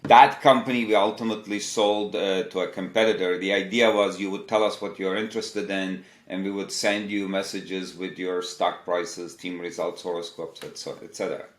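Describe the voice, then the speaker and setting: Man from Turkey, fifties, low voice, measured and explanatory, echoey room. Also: fairly even intonation. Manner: measured, explanatory, lists examples. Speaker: tech company CEO, guest. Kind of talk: interview answers, storytelling.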